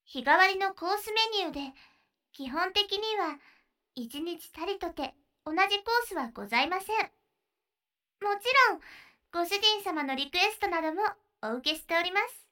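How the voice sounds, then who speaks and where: A woman voicing a sweet, very high-pitched café maid. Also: animated, moderate pace, heavily acted. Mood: cheerful, welcoming. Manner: polite and honorific, gently guiding. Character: sweet, attentive young maid serving her master. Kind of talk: ASMR roleplay.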